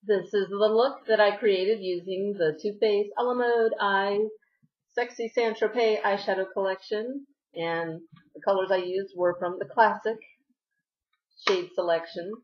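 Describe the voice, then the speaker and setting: A woman's voice: mid-range voice, steady tone, unhurried, muffled recording. A woman beauty vlogger narrating a makeup tutorial, giving friendly step-by-step instructions while slightly losing her voice.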